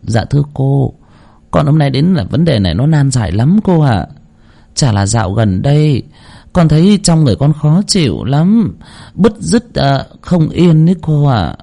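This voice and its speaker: A man's voice: on the high side, big pitch swings, moderate pace, vocal fry, dark tone, pitched above the performer's own voice, exaggerated voice. A man voicing a distraught young woman who pleads with a spirit medium, stammering near tears, in a storytelling narration. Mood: pleading.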